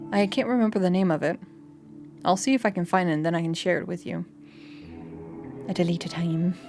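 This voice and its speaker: Chatting casually with her live chat, this young woman from Denmark keeps restarting her sentences and leaning on filler words. Her English carries a light Danish accent blended with mixed English influences, and her mid-range voice has a darkish tone.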